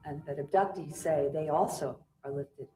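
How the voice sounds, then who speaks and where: A woman giving a measured documentary interview, her voice muffled and underwater-sounding from a poor stream of old tape. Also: sits low, warm tone. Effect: muffled underwater-sounding audio from a bad stream. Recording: echoey old VHS tape playback with faint hiss.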